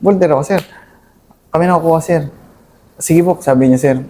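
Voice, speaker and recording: A young man, a Filipino soldier, recounts a battle in a halting interview, calling his listener sir at nearly every pause. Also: on the high side, dark tone. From Philippines. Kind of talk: conversational war story interview.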